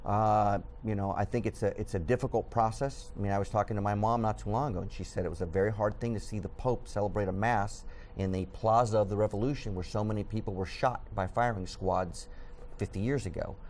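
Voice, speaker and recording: Here a Spanish-speaking news editor from Southern California, middle-aged, talks earnestly on a studio TV interview and leans heavily on fillers. He has a lowish, slightly mellow voice, keeps a steady tone, and moves at a brisk clip. A faint hiss or hum runs underneath.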